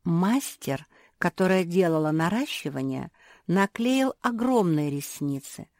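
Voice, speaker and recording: A woman's voice: fairly low pitch, animated, unhurried, a little mellow, no room sound, clean studio sound. A woman voicing a clever, bossy pug sister who explains matter-of-factly and makes demands.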